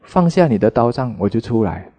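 A man voicing the Buddha in a sermon story, speaking calmly and in a measured way. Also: medium pitch, lightly acted. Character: calm, wise Buddha.

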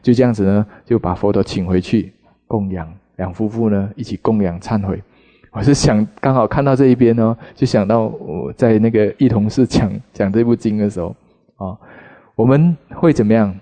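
Mellow-voiced male monk preaching. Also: lowish voice, moderate pace. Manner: animated storytelling, frequent filler particles. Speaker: Buddhist monk teacher. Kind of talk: sermon storytelling.

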